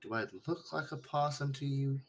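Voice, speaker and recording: A man's voice: mid-range voice, moderate pace, vocal fry, a crowd in the background, pitched above the performer's own voice, lightly acted. A man voicing an exasperated, foul-mouthed little gnome girl who talks down as if to a child, on a clipping mic. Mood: indignant. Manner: blunt, condescending, simplifying as if for a child.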